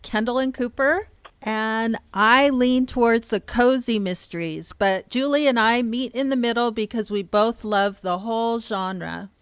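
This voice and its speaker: A woman's voice: on the high side, measured pace, clean tone, dry recording. A woman co-hosting a podcast, reading a scripted introduction. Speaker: podcast co-host.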